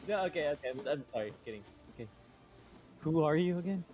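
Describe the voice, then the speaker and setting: A man's voice: a little high, animated, quick pace, low-quality recording. A man chatting casually as a player in a tabletop role-playing game. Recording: clear background noise at the table.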